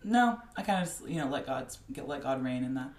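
Fast-talking joking woman, echoey room. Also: a bass voice, animated, darkish tone. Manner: playful teasing, jokey. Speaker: podcast co-host. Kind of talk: casual chat. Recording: roomy echo.

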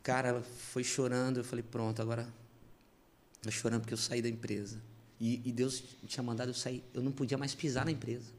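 A man with a Brazilian accent, a pastor, tells his story with lively, heartfelt energy. He talks in a middle-pitched voice and jumps between narrating and acting out what people said. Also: brisk, a little hiss or hum. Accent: Brazilian Portuguese. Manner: animated, emotional storytelling with reenacted dialogue. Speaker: pastor, podcast guest. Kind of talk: personal testimony storytelling.

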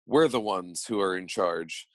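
A man's voice: sits low, unhurried, no room sound. A man co-hosting a podcast, talking earnestly in casual chat, often restarting his sentences. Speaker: podcast co-host.

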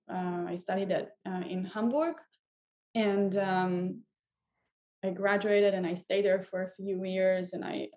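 A woman's voice: mid-range voice, darkish tone. A woman in her thirties, from Israel, talking as a violinist guest in an interview, thoughtful with many fillers and restarts. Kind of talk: casual interview talk.

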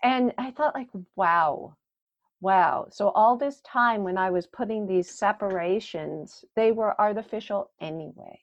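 A woman's voice: medium pitch, a little slow, dull audio. A woman coach as an interview guest, talking in a reflective, earnest way and often asking "right?". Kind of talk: casual interview chat.

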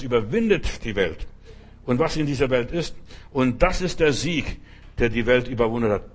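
A man preaching a sermon, telling a story and then urging listeners forcefully, often repeating himself. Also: a little high, slightly rough. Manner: storytelling, then forceful exhortation with bursts of emphasis; restarts and repeats words often, asks "verstehst du?".

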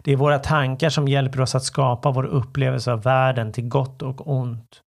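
A life coach hosts his own self-help podcast, speaking straight to the listener in a calm, reflective way. His voice is mid-range with vocal fry.

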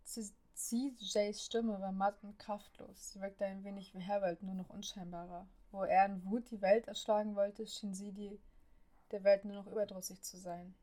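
A woman narrating a story as an audiobook reader, reading with an even, steady delivery. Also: medium pitch, moderate pace.

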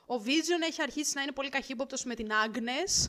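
A woman's voice: high voice, fairly bright tone. A young woman co-hosting a podcast, recapping episodes in casual chat with enthusiasm and detail. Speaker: podcast co-host.

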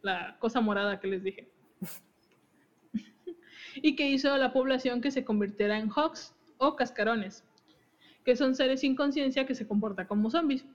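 In dull lo-fi audio, a young woman podcast host explains game lore casually, giggling and restarting often in a chatty, self-interrupting style. Her high voice moves a little slowly, with frequent pauses.

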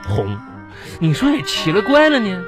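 A man's voice: sits high, huge pitch swings, normal speed. A man with a Northeastern Chinese accent playing a teasing husband in a comic sketch, joking and stammering out excuses. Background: background music.

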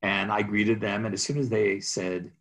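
A man who works as a real estate agent, telling rambling, animated stories about his career in an interview. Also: lowish voice, moderate pace. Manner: rambling, restarts, animated anecdotes. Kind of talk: storytelling in an interview.

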